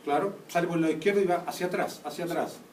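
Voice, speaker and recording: Racing along in a fairly high-pitched voice, a man lectures an anatomy class and constantly quizzes students with check questions. The recording was made from a distance in an echoey room, with faint noise.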